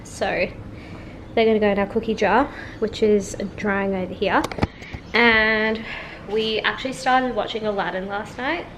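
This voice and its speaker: A young woman in her twenties talks to her camera at home in a relaxed, chatty vlog, leaning on "like" as she goes. Her voice sits at an ordinary middle pitch. A clear hum of room ambience runs under the recording. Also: measured pace. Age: 20s. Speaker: vlogger. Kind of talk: casual vlog chat. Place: at home, indoors. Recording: noticeable room ambience noise.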